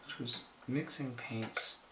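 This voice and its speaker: A man giving a casual painting demonstration, thinking aloud in relaxed, halting self-talk at his work table. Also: mid-range voice, reverberant, very noisy.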